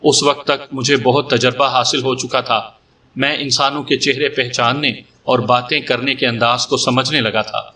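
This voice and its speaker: A male storyteller reads in a measured, steady way, his tone bright and forward. His voice sits a little back from the microphone, giving the audiobook a slightly distant sound. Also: mid-range voice.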